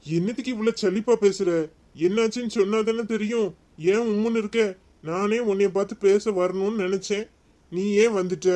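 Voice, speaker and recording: A man's voice: high-pitched, steady tone, normal speed, warm tone, close to an everyday voice. A man with a Tirunelveli Tamil accent voicing a concerned elder brother in a cartoon, talking earnestly and questioning.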